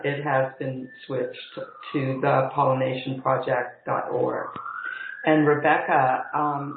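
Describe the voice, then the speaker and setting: A man's voice: medium pitch, slight background noise. Man on an echoey cave-like call. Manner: earnest, appreciative, offers practical advice. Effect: cave-like echo on the voice. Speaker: call-in participant. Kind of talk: casual conversation. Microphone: internet video call. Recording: echoey, tinny internet call line.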